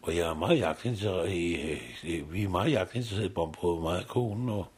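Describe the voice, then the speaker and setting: A man's voice: deep voice, a little mellow, husky. A man in his sixties, a recycling site worker, talking casually in an interview and rambling with tag questions.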